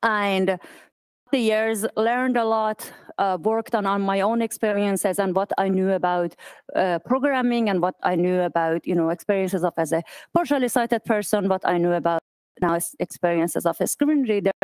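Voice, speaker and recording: Iranian-born woman in her thirties, smooth voice. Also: medium pitch, darkish tone, dry recording. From Iran. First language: Persian. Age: 30s. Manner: halting, many fillers and restarts. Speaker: accessibility specialist speaker. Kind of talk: conference talk. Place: office event space.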